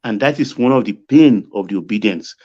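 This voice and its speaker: A man's voice: on the low side, lively intonation, a little fast, a little mellow. Older man, panel debater, emphatic, dull lo-fi recording. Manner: emphatic, bursts upward on key points. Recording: dull lo-fi line.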